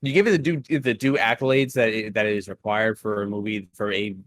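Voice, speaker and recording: A man's voice: fairly low pitch, steady tone, fairly quick, dry recording. A man co-hosting a casual review chat, rambling through points with frequent restarts and small chuckles at his own nitpicks. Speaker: co-host reviewing an animated episode.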